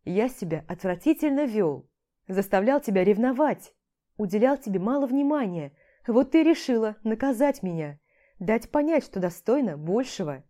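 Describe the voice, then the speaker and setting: A woman voicing a young man who gently coaxes and soothes his partner in a warm, mellow voice. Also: on the high side, animated, moderate pace, close to an everyday voice. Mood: tender coaxing. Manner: tender, coaxing.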